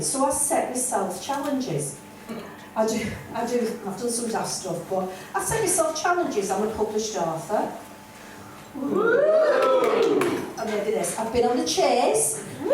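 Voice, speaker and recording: An older woman from the North West of England with a Lancashire accent, performing a blunt, self-mocking stand-up set. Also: a little high. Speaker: stand-up comedian. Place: comedy club stage. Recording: roomy and distant with audience noise.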